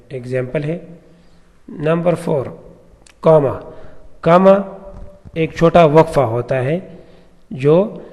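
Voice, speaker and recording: A man teaches a grammar lesson in a fairly high voice. He explains each point patiently and reads example sentences slowly. The recording carries a long, echoing reverb. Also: dark tone. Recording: echoey room with long reverb.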